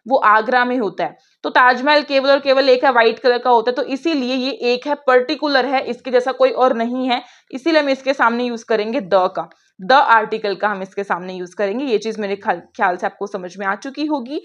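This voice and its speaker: A woman's voice: high-pitched, a bit bright. A young woman teaching an online grammar class, chatty, asking her pupils questions and answering them herself. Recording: dull lo-fi sound.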